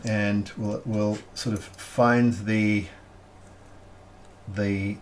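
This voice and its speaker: Guy narrating his model kit build, slow and kinda halting, lots of ums. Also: lowish voice, little pitch movement, slight background noise. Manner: unhurried, halting, thinking aloud with many fillers. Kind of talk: hobby build tutorial.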